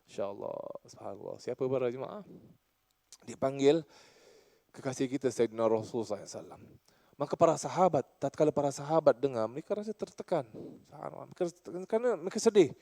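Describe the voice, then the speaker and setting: A man giving an animated religious lecture in a mosque, telling stories and often addressing the congregation. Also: mid-range voice, fast talker, vocal fry, dry recording, studio quality. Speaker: religious teacher.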